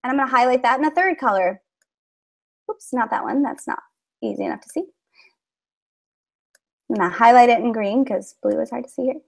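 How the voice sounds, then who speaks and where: A woman's voice: fairly high pitch, brisk, gravelly, pauses often. A woman teacher presenting to fellow educators over a video call, explaining her methods in a friendly way with many fillers. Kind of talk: conference presentation with screen share.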